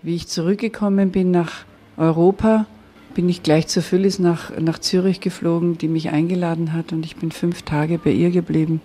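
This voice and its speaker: Soft-spoken woman with a mellow voice. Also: lowish voice, steady tone, normal speed. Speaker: bereaved mother recounting a medium's message. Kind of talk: personal testimony.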